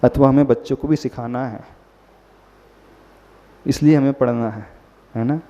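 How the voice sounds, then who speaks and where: A Jain monk addresses a gathered audience at a measured pace, his mid-range voice warm and steady. Throughout the sermon he asks the listeners questions and mixes in English words. The recording carries a long hall reverb and a dull, lo-fi tone.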